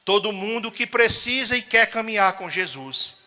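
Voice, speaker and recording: A man's voice: high voice, expressive, normal speed, sharp tone. A man preaching a sermon in a chapel, telling folksy stories and exhorting the congregation. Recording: long chapel reverb.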